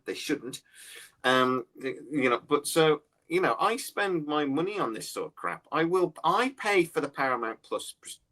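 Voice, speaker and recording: A man's voice: on the high side, bright, forceful tone. A man in his forties, chatting bluntly and scornfully as a podcast co-host, often restarting his sentences. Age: 40s. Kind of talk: casual opinionated chat.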